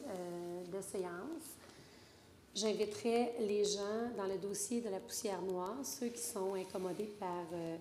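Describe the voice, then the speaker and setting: A councilwoman invites residents to a meeting. She speaks slowly and deliberately, with hesitations. The room echoes, and there is a faint hum behind her. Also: mid-range voice, darkish tone. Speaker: city councillor. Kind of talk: public announcement at a council meeting. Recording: echoey chamber with faint background noise.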